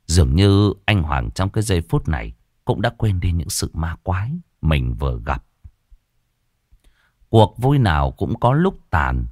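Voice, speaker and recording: A man narrating a ghost story in an expressive, dramatic way. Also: low-pitched, no room sound, studio quality.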